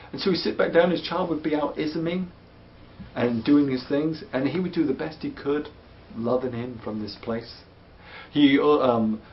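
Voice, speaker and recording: A man's voice: mid-range voice, highs cut off, slight background noise. Patient man teaching parents. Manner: gentle, patient, explains with hands-on demonstrations. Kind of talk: webinar teaching and answering parent questions.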